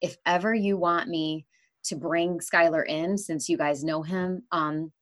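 A woman hosts a podcast in a relaxed conversation, chatting with frequent filler phrases. Her voice sits very low for a woman. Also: measured pace. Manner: chatty, many fillers like "you know". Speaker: podcast host. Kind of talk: casual conversation.

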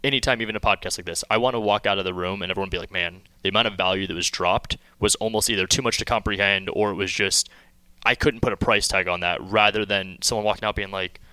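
A young man in his twenties talks fast and emphatically as a podcast guest. His voice is bright and crisp, low-pitched, and it sounds close and dry. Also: fairly even intonation, dry recording. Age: 20s. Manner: upbeat, emphatic business talk. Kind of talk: casual podcast chat.

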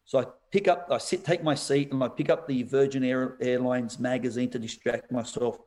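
A man, a pastor telling a personal story in a podcast interview, animated and quick to laugh. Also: mid-range voice. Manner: animated storyteller, laughs often, says "bro".

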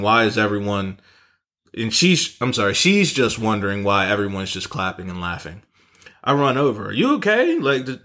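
A man hosting a podcast, telling a comic story in an animated, profane way and often correcting himself. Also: fairly low pitch. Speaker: podcast host. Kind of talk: comedic storytelling monologue.

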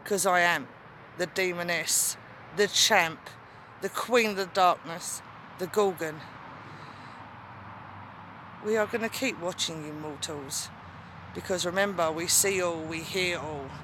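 A woman's voice: on the low side, slow pace, long pauses, bright, forceful tone, a little hiss or hum. A woman playing a menacing female demon wrestling champion, taunting her rival with evil laughs. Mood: gloating menace. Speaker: wrestling promo performer. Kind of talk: wrestling promo.

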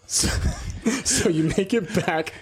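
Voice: mid-range voice, slow, a little hiss or hum. A game master narrating a tabletop game in an improvised, conversational way, telling the players what happens around them.

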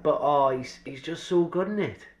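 A man's voice: a little high, normal speed, a little hiss or hum. A man talks as a podcast host in a loose, conversational style. He swears freely and keeps up a matey banter, sounding like he is chatting with a friend. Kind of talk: casual chat about films.

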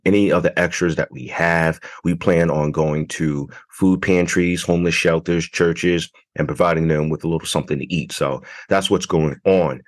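A man with a croaky, froggy morning voice hosting a casual, slangy video podcast, talking straight to his listeners. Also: very deep voice. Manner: informal, slangy, addresses listeners directly. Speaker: podcast host. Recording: music behind the voice. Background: music.

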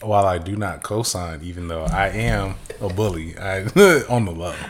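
A man's voice: deep voice, moderate pace. Man, casual slangy podcast talk. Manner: slangy, joking, swearing freely. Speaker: podcast co-host. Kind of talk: casual chat.

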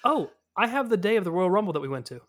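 A man, co-hosting a casual podcast chat, excitable and quick to laugh while sharing fun facts. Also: sits high. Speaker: podcast co-host.

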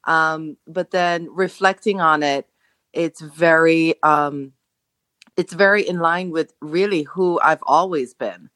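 A middle-aged woman from Jamaica, a podcast guest telling her story in a reflective way, pausing to search for words. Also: low-pitched, steady tone, a bit bright, no room sound. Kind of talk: casual conversation.

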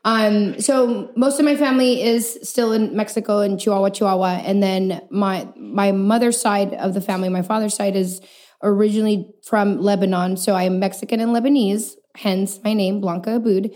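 A woman from El Paso, Texas, chats easily as a podcast guest, her voice warm and mellow. She talks through her story casually, laughs often and leans on small fillers. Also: medium pitch, steady tone, moderate pace. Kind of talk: casual interview chat.

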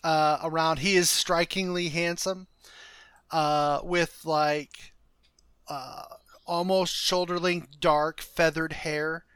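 A man at a tabletop game, describing his character in a halting way with lots of fillers. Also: on the high side, flat delivery, fairly bright tone, clear, resonant tone, dry recording.

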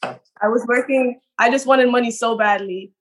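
A woman's voice: a little high, moderate pace. A nineteen-year-old woman from Trinidad, eagerly telling her story as a podcast guest over a video call. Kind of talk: casual podcast interview.

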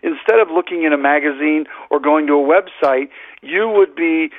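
A halting man calling in over a tinny phone line. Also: fairly high pitch. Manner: halting, with many fillers and restarts. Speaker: radio show caller. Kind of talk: casual call-in chat.

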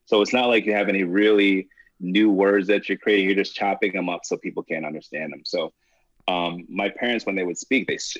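A man from Jamaica talks easily as a podcast guest and laughs between answers. His voice is very low. The audio is a little dull and dry. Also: husky, no room sound. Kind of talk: casual podcast interview.

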